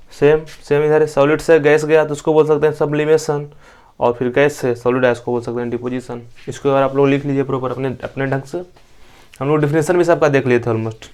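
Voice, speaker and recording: A man's voice: on the high side, darkish tone, clean tone. Young man lecturing students, repeating terms. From India. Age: young adult. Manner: asks questions then answers them himself, repeats key terms. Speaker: teacher. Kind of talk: classroom lecture.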